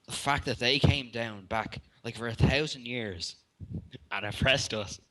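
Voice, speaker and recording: A man's voice: mid-range voice, measured pace, sharp tone. A man with a Dublin Irish accent calling a talk show, ranting angrily and swearing constantly. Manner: angry, profane ranting. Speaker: caller. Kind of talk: call-in rant.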